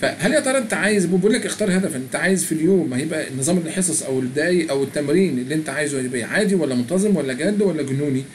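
In a screen-recorded walkthrough, a middle-aged tutorial presenter with an Egyptian Arabic accent chats his way through a language app, reading its prompts aloud. He sounds on the high side and darkish, animated and very fast with few pauses, over slight background noise.

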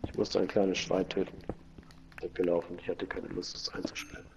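A man chatting easily while playing a game, slangy and quick to cheer his finds. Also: low voice, flat delivery, creaky, lo-fi sound, background noise. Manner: easygoing, slangy, exclaims over finds. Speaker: Let's Play commentator. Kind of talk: casual gaming chat.

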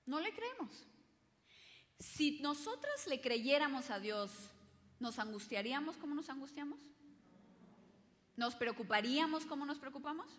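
Bright, high-voiced woman speaker in a hall. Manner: animated, acts out quoted voices, asks audience questions. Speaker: conference speaker. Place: large hall before an audience. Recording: reverberant hall.

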